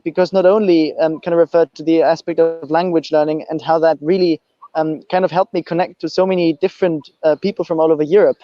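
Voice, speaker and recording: A man's voice: a little high, warm tone, no echo, highs cut off. A young man from Austria, giving panel remarks as a youth movement president, hesitant with frequent fillers, on a video call. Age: young adult. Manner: hesitant, many fillers and restarts.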